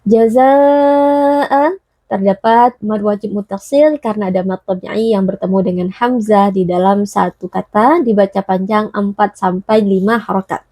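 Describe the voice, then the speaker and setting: A woman teaching Quran recitation rules, explaining calmly and chanting each word slowly. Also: mid-range voice, no room sound. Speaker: tajwid teacher.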